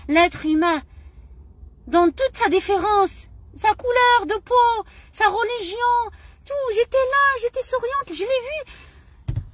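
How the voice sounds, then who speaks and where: A middle-aged woman with a high voice speaks straight to her audience in an impassioned monologue. She sounds indignant and emotional, circling back to the same phrases again and again. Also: no room sound. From Morocco. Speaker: vlogger.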